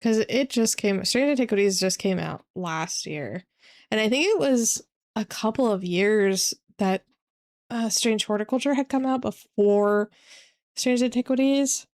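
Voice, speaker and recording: A woman's voice: mid-range voice, measured pace, a little mellow. A woman streaming a game, chatting casually in a rambling, hesitant way full of fillers and restarts, on a desk microphone. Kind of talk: casual gaming stream chat.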